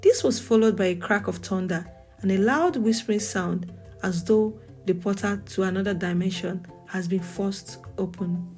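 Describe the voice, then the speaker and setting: A Nigerian woman storyteller reads a folktale in a measured, dramatic way. Her voice is mellow and warm, not bright. Soft music plays faintly underneath. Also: mid-range voice. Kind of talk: scripted folktale narration.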